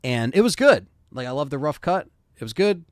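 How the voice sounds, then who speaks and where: A man's voice: fairly high pitch, very animated, fairly quick, dry recording, studio quality. A man in his thirties hosting a live stream, chatting casually and reading viewer comments with loose fillers. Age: 30s.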